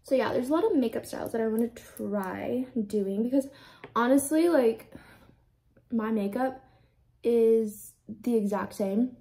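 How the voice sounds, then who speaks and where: Doing her makeup in a small room with a plain backdrop, a twenty-something US beauty vlogger keeps up a chatty, rambling get-ready-with-me talk packed with "like." Her voice is fairly high and warm, and she speaks at a measured pace.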